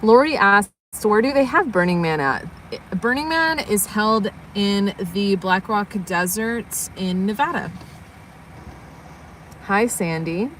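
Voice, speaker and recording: A woman's voice: mid-range voice, lively intonation, slow pace, a bit bright, slight background noise. A young woman chatting casually on a livestream, rambling and yawning, sleepy and just woken up. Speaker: livestream vlogger.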